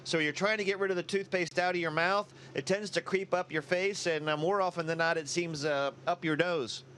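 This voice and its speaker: A man's voice: high-pitched, fairly even intonation, a little fast, fairly bright tone, slight background noise. A man, an astronaut, answering educational interview questions in a plain, informal way. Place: aboard a space station.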